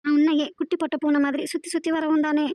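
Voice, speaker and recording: Cartoon drama: a woman playing a hurt, devoted young woman, high and flat, pleading, dry close sound. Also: fast talker, dry recording, lightly acted. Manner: pleading, emotional, insistent. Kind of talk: animated drama voice acting.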